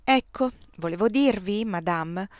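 A woman reading the lines of a gallant, measured male emperor in an audiobook. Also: medium pitch, expressive, no echo, lightly acted. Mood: courtly. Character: Napoleon, male emperor, courtly and teasing.

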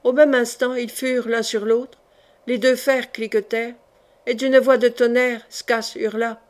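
A woman reading a historical novel aloud as an audiobook narrator, with dramatic, steady storytelling. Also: fairly high pitch, measured pace.

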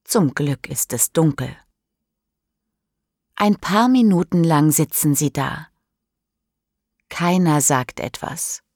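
A woman narrating a graded-reader audiobook in a slow, clear, measured way, close to a studio microphone. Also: low voice, lively intonation, darkish tone, dry recording.

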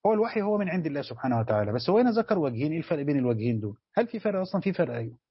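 Man, Egyptian accent, sheikh explaining scripture, rapid delivery, husky voice, dull dry recording. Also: a little high, very animated, dry recording. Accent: Egyptian Arabic. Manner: explanatory, asks students questions. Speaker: sheikh teaching Quran commentary. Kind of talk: religious lesson.

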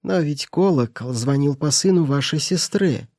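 A spiteful, gossiping old housekeeper, put on by a man, needling slyly in a raised, thin voice. The tone stays dark underneath and the recording is dry. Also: on the high side, moderate pace, no echo, pitched above the performer's own voice, close to an everyday voice. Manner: sly and needling.

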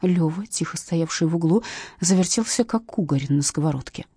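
A woman narrating a detective novel aloud in a lively, expressive way. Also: on the low side, moderate pace, breathy edge, no room sound, clean studio sound. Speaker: audiobook narrator.

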